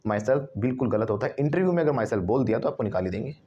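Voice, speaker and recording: Indian man, English teacher, lively classroom drill, call-and-response pronunciation work. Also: medium pitch, fast, dull audio, slight background noise. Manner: animated, drills students with call-and-response repetition. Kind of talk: classroom lesson. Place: classroom with students.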